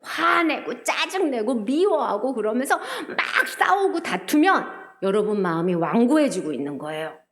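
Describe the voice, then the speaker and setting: A young woman giving an animated children's sermon, sing-song and exaggerated, asking the children questions and acting out voices. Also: fairly high pitch, normal speed, hardly any pauses. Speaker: children's ministry preacher.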